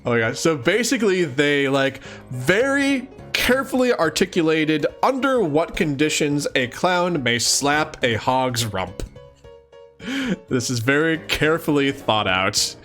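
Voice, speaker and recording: Over faint background music, a man with a slightly high voice hosts a live let's-read of a webcomic at a somewhat slow pace. He reads dramatically and expressively, breaking off into giggly, chatty asides.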